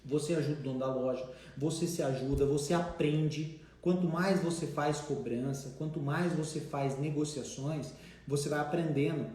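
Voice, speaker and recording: Brazilian male trainer, higher voice, lively, acts out debtors; heavy room echo. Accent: Brazilian Portuguese. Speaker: debt collection trainer. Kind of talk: casual instructive talk. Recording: very echoey room.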